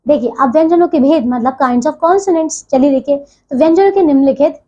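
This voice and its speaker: A woman teaching a grammar lesson to children, slowing down to spell out each sound and checking in again and again. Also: high voice, dark tone. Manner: repeats "ठीक है" as a check-in, slows to spell out sounds. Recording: dull lo-fi audio.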